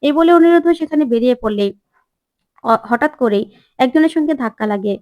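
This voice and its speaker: A woman's voice: high-pitched, lively intonation, a little fast, no room sound, lo-fi sound. A woman retelling a TV serial episode as a story, reading every character's lines herself. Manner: reads all characters' lines herself, voices slightly shifted. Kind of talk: storytelling recap with acted dialogue.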